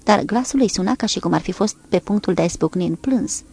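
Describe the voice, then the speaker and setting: A woman reading a naval war novel aloud as audiobook narration, in a steady, measured way, lifting her voice slightly for the characters' lines. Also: medium pitch, husky.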